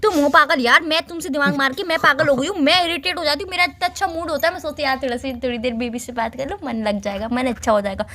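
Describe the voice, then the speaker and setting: A woman's voice: high-pitched, fast talker, hardly any pauses, pushed and bright. A young woman teasing and lecturing her boyfriend in casual phone banter. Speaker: girlfriend on a phone call.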